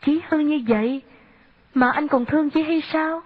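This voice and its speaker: Woman voicing a young woman, Southern Vietnamese accent, anxious, questioning, high-pitched, muffled recording. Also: normal speed, lightly acted. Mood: distressed. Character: young woman, gentle but upset. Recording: dull lo-fi recording.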